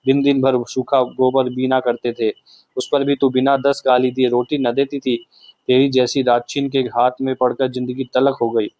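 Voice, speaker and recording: A man's voice: mid-range voice, little pitch movement, normal speed, darkish tone, dry recording, muffled recording, close to an everyday voice. A man voicing a resentful young village man who threatens and hurls abuse, in a storybook reading.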